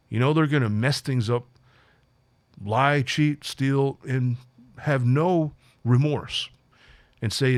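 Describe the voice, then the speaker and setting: With a mid-range voice captured in a dry recording, a man who works as a life coach speaks solo to camera. He's relaxed and thoughtful with his audience, often using fillers and restarting his sentences.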